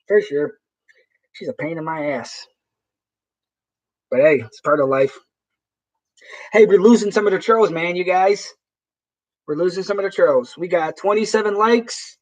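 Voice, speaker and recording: A man hosting a live stream in casual chat, rambling and swearing freely, often restarting his sentences. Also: high-pitched. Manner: rambling, profane, with frequent restarts. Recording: dull lo-fi sound.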